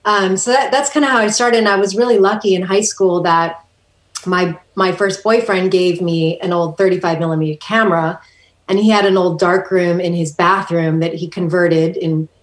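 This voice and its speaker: A woman from Hawaii speaks as a podcast guest. Her voice sits a little low and is soft-spoken, and she explains things with easy fillers. The recording has a noticeable roomy echo. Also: fairly even intonation, normal speed. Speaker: guest artist. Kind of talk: conversational interview.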